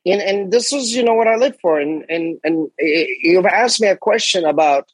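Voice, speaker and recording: In this low-quality recording with no room sound, a middle-aged martial arts instructor speaks as an interview guest, telling animated stories with intense emphasis and performing his own commands aloud. His pitch is high, his intonation lively, and his speed normal.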